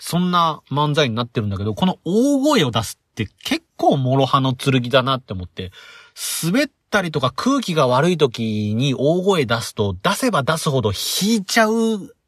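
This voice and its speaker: A man hosting a casual solo podcast, talking in an animated, rambling way with lots of fillers. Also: on the high side, moderate pace, dry recording, clean studio sound. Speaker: podcast host.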